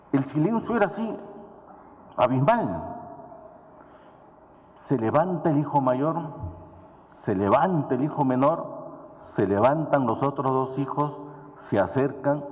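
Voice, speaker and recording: A man of middle pitch speaks as a judge addressing an audience. His phrasing is dramatic and repetitive, with slow, weighty pauses. A long hall reverb trails every phrase. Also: animated, a little mellow. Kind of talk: public speech telling a personal story. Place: large event hall.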